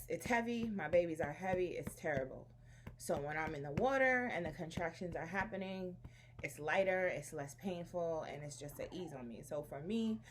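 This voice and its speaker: A woman's voice: deep voice, slight background noise. A woman telling her birth story to camera at home in a chatty, rambling way, restarting her sentences as she bounces a baby. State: bouncing a baby while talking. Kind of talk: casual chat to camera.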